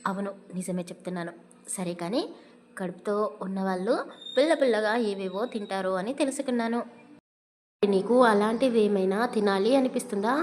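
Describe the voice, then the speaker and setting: A woman voicing a young husband who talks to his wife in a gently teasing, amused way. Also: mid-range voice, moderate pace, a little hiss or hum, natural voice.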